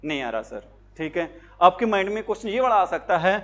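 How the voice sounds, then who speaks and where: A high-voiced man lectures a class on grammar. He fires questions at his pupils, then answers them himself, repeating key words with emphasis. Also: sing-song, brisk. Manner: repetitive, emphatic teaching. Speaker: English teacher for job exams.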